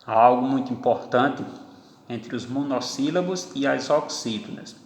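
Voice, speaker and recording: A male grammar teacher explains rules at an unhurried, deliberate pace. He draws out each example word clearly. The recording sits in an echoey room with a long, lingering reverb. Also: mid-range voice. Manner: slow, deliberate, stretches out example words. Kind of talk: classroom grammar lesson.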